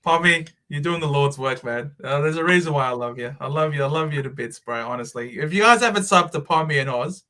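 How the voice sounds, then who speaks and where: A man's voice: on the high side, fairly quick, hardly any pauses, pushed and bright. A man hosting a football live stream, talking casually and enthusiastically. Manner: enthusiastic, effusive, says mate and bro. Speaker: host.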